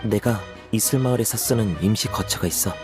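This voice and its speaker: Man voicing a young hunter, low steady voice, calm and matter-of-fact, faint game music. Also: a little fast, natural voice. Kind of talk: video game voice acting.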